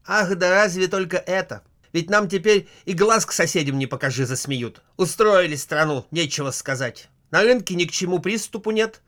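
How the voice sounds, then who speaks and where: A man's voice: sits high, expressive, normal speed, fairly bright tone, pitched above the performer's own voice. A man reading a satirical story aloud, voicing a quarrelsome, whiny middle-aged wife. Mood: shrill nagging. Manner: scolding, whiny, histrionic.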